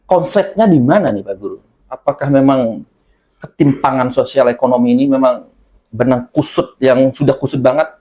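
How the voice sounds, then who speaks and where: A man's voice: medium pitch, normal speed, mellow. A man hosting a podcast, asking his guest questions in a casual, prompting way. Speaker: podcast host.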